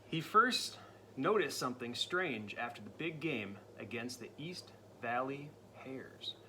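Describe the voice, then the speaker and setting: A man reading a picture book aloud to a child, dramatic and playful, dropping into spooky whispers and jumping to loud cries. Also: medium pitch, expressive, measured pace, slight background noise, poor audio. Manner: playful asides to the listening child. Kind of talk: storybook read-aloud.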